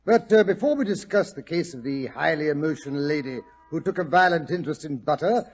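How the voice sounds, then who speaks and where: An elderly doctor, chatty and genial, with a highish, husky voice. He hems and fusses through his reminiscences in old-fashioned radio-drama style. The recording is a dull 1940s broadcast. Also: animated, fairly quick, soft background music. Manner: hemming, fussy, old-fashioned delivery. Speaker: storyteller.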